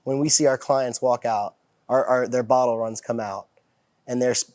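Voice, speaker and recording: A man's voice: medium pitch, steady tone, normal speed, darkish tone, no room sound, clean studio sound. A man guest talking in a casual podcast chat about nightlife work, rambling with restarts and swearing freely. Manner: rambling, profane, many restarts.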